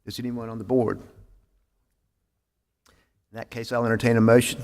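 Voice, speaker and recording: A man's voice: mid-range voice, flat delivery, moderate pace, darkish tone. A man chairing a city board meeting, reading procedure formally with frequent "uh" fillers, on a meeting microphone. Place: city hall meeting chamber. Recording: echoey council chamber.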